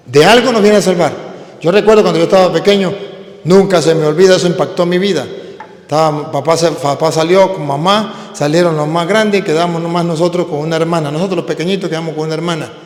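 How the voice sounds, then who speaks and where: A priest preaching a sermon, telling a story and calling out questions to the congregation. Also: male voice, a little high, brisk. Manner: animated, calls out questions to the congregation. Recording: echoey hall.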